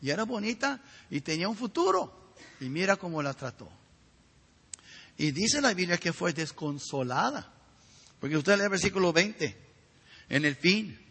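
A middle-aged male pastor preaching a sermon with a raspy, gravelly voice and emphatic rhetorical questions. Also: high voice, very animated, moderate pace, long pauses, sharp tone. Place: church sanctuary. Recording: reverberant hall.

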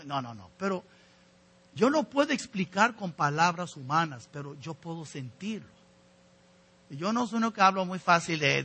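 A man's voice: high voice, fairly bright tone, slightly rough. A man preaching a sermon as pastor to his congregation, earnest and exhorting, often calling his listeners brothers.

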